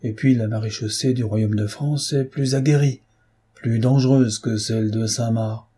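A man's voice: mid-range voice, steady tone, normal speed, warm tone, husky, close to an everyday voice. A man reading aloud, voicing a bitter, vengeful older Spanish nobleman in a declamatory, brooding manner. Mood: grim. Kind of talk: audiobook reading.

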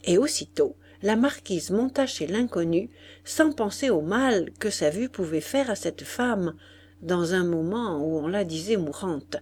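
A woman narrating a classic novel in a measured, steady reading. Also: fairly low pitch.

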